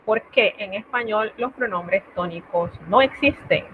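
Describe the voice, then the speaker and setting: A woman with a medium-pitched, unhurried voice and a Latin American Spanish accent teaches an online French class, patiently explaining in Spanish and checking in with her students. She is heard on a video call through a tinny, phone-like line with faint noise.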